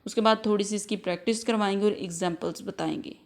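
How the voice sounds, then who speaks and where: A woman's voice: mid-range voice, fairly even intonation, fast talker. A woman with an Urdu accent teaching a tajweed lesson, patiently sounding out Arabic letters and words several times for students to repeat. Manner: mixes Urdu with English words like next, practice, examples. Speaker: Quran recitation teacher. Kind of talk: tajweed lesson with repetition drills.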